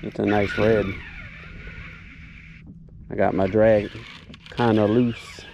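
A man talking excitedly to himself while fighting a fish from a kayak, recorded outdoors on an action camera. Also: on the low side, takes it slowly, vocal fry, noisy background. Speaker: kayak angler filming his catch. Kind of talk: casual first-person commentary. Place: outdoors on a kayak on open marsh water. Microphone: head or chest-mounted action camera.

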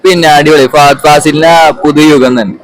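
A man gives his casual take on a film to an interviewer. His voice sits a little high, and faint location noise surrounds it. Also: steady tone, brisk, poor audio. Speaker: moviegoer being interviewed. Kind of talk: casual street reaction.

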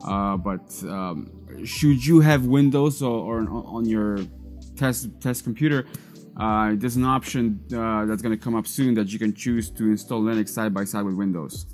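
A man in his thirties, Polish by first language and a data recovery technician, casually guides viewers through a computer tutorial step by step in a screen recording. His voice is on the low side and darkish at normal speed, picked up by a lapel mic in a cluttered indoor workshop with faint music behind, and he frequently uses fillers and restarts.

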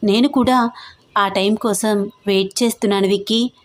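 A woman voicing an affectionate young wife in an audio story, speaking softly and teasingly. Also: medium pitch, fairly even intonation, normal speed, close to an everyday voice. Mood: tender. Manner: soft, teasing.

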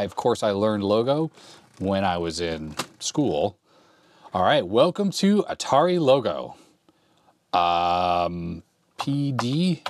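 Filmed close up in his cluttered workshop, a retro computer repair YouTuber in his forties tests an old computer, musing aloud while he types. His voice is on the low side, with a little hiss or hum, and keyboard clicks fill the background of this relaxed, casual demo talk.

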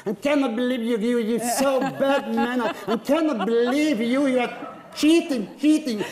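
A man acting an indignant, clumsy film journalist in halting, broken English with a Hungarian accent. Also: very high-pitched, a little mellow, pitched above the performer's own voice. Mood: indignant, emphatic.

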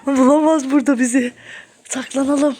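A young mother playing a pretend-scared hiding game with her son in a home vlog, talking theatrically in gasps and hushed whispers. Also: high voice, fairly even intonation, moderate pace. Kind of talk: pretend-play family vlog.

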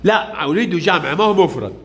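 A man's voice: fairly high pitch, expressive, fast, fairly bright tone, a little hiss or hum. A male primary school teacher, giving a classroom reading lesson and prompting and praising pupils in short commands.

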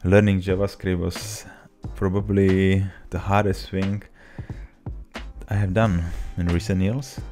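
A man's voice: deep voice, slow, soft background music. A young man from the Czech Republic with a Czech accent, casually telling his story to camera at a desk mic in a small home office. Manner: relaxed storytelling, slightly broken English. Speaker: vlogger. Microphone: desk mic on a boom arm.

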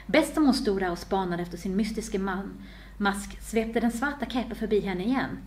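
A woman author reading her own story aloud with expressive storytelling. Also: medium pitch.

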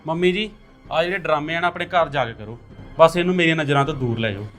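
A man's voice: a little high, fast talker, a bit bright, soft background music, lightly acted. A man playing an angry young husband who accuses his wife in a family drama, repeating her words back in outrage.

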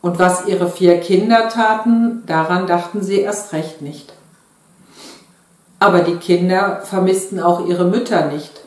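Brief: woman reading a story aloud, unhurried, lowish voice, very echoey room. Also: fairly even intonation, darkish tone.

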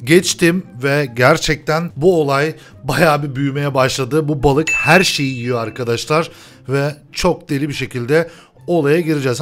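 A young man giving loud, playful let's-play commentary, shouting slangy taunts at the game. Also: on the high side. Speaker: gaming YouTuber.

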